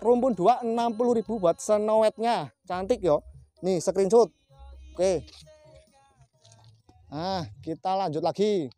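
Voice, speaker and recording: A man gives an informal sales pitch to camera in repetitive hawker-style patter. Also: slow, pauses often, warm tone. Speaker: plant seller hosting a sales video. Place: outdoors in a shade-net plant nursery. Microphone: clip-on wireless lapel mic.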